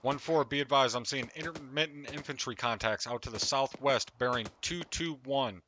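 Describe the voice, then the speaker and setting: A man giving calm, clipped radio fire calls in a military role-play as squad leader. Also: mid-range voice, moderate pace. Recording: faint noise, gunfire behind voice.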